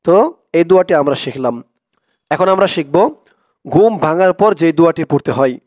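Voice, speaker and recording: A man with a Bangladeshi accent teaches Arabic prayers. He spells out the syllables quickly, then chants the whole words slowly. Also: fairly high pitch, darkish tone, no room sound, studio quality. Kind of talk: spelled-out recitation lesson.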